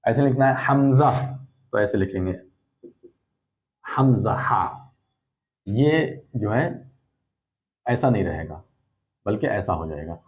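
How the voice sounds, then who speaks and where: A man's voice: fairly low pitch, animated, slow pace, pauses often, dull audio. A man teaching a recorded lesson, explaining patiently and repeating points with frequent check-ins. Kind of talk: recorded lesson on letter shapes.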